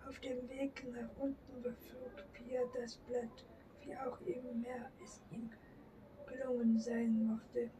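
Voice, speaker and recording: Slow, whispery woman reading a novel. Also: on the high side, level tone. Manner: soft, often whispered, halting with restarts. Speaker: reader. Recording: distant mic with audible background noise.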